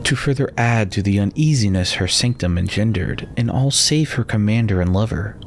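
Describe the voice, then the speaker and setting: A man's voice: fairly low pitch, a little hiss or hum. A man giving a dramatic scripted narration of a fantasy novel as its narrator.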